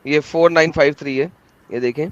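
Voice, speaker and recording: Theatrical high-voiced man on a debate call. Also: steady tone, fairly quick, no room sound. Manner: theatrical, emphatic, combative. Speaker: debate host. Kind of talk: live online debate. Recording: dull lo-fi dry sound.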